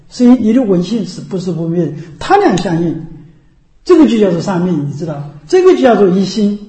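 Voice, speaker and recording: In an echoey room, a man with a high-sitting, mellow voice teaches a dharma talk as a Buddhist teacher. His style is repetitive and explanatory, going over things again and frequently checking with listeners.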